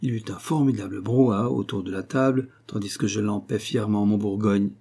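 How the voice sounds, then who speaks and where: A man reading a classic story aloud in a measured storytelling manner. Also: on the low side, fairly even intonation, warm tone. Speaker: audiobook reader. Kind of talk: scripted narration.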